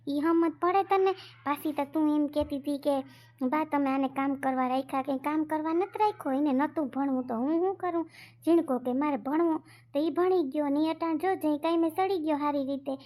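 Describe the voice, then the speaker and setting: A woman's voice: sits high, a little mellow, close to an everyday voice. A woman with a Kathiawadi Gujarati accent playing a quarrelsome older village mother in a family comedy skit, scolding and complaining and repeating herself.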